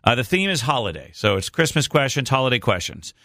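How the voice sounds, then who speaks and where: A man's voice: mid-range voice, big pitch swings, fast talker, bright, forceful tone, no echo, studio quality. A man hosting a morning radio show, giving a chatty live contest promo and explaining the rules informally.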